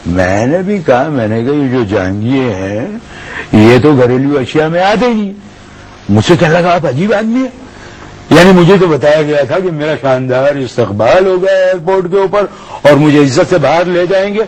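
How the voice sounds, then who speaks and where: An actor playing a swaggering, middle-aged senior customs officer who tells a comic anecdote in character, acting out both sides of the quarrel. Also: male voice, fairly high pitch, lively intonation, a little mellow, a little hiss or hum, close to an everyday voice, rough recording. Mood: boastful mocking.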